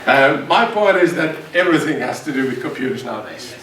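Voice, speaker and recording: A Finnish man whose first language is Swedish gives a seminar talk to students as a guest university lecturer, speaking hesitantly with many restarts and repeated words. His mid-range voice is expressive and fairly quick, recorded from a distant mic in an echoey lecture hall with crowd noise and faint background noise.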